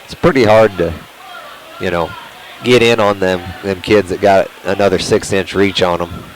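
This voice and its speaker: Low-voiced male color commentator for wrestling, folksy and relaxed. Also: moderate pace, slight background noise, rough recording. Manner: laid-back, folksy, casual grammar.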